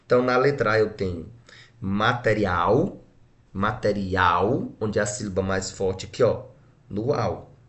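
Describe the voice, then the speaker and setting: Speaking fairly quickly in a lowish voice, a man with a Brazilian Portuguese accent runs a grammar class aimed at exam preparation. He splits words into syllables and keeps confirming understanding with brief tag questions.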